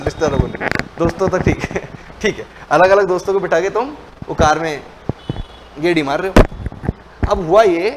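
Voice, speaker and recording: High-voiced man teaching in a lively classroom manner. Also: noisy background. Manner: colloquial, mixes Hindi with English terms. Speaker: commerce teacher. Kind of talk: lecture with role-played dialogue.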